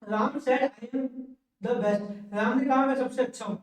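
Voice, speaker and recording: A man's voice: very high voice, steady tone, unhurried. A male English teacher giving a classroom lecture at the board, who keeps asking the class questions and checking in with "okay". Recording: very echoey room, mic far off.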